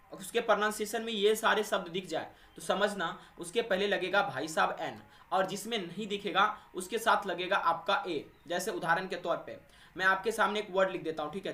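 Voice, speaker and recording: A man teaches an exam-prep grammar lesson, asking questions and answering them himself. His voice is bright and sharp. The room around him is echoey. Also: sits high, fairly quick. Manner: addresses students as friends and little brothers, asks and answers own questions. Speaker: English teacher.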